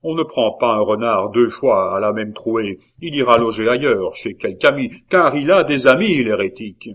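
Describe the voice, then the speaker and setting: A man's voice: medium pitch, lively intonation, moderate pace, a bit bright. A man voicing a fiery, zealous male innkeeper giving a rousing speech in an audiobook. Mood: impassioned. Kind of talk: audiobook character reading.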